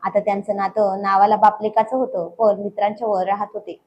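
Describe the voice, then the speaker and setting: A woman narrating a romantic family story in a steady, intimate way. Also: mid-range voice, brisk, lo-fi sound, a little hiss or hum.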